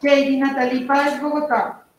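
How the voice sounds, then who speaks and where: With a high-pitched, level tone, a young woman teacher from Colombia runs through roll call on a video call from home. She's quick and repetitive, restating names and ages and dropping "listo," and her laptop mic captures a very echoey room.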